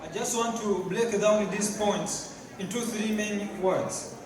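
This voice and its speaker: A man from Tanzania giving a halting public speech with fillers and repeated words at a community event. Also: high voice, fairly even intonation, noisy background. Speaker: guest speaker. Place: large hall at a community event. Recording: echoey hall, distant mic, crowd. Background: crowd.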